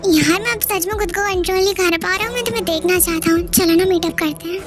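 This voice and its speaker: A woman's voice: extremely high pitch, fast talker, music in the background. A woman voicing a possessive, impatient young man in love, in a pushy and demanding way.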